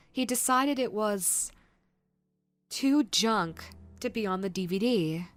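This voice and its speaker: A woman reading a scripted creepypasta horror narration in a measured way, with dramatic pauses. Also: medium pitch. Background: background music.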